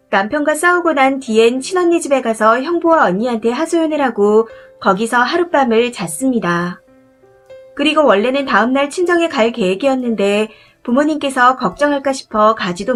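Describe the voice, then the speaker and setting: A woman with a high voice tells a scripted first-person story, steady and confiding. Faint music runs beneath her reading.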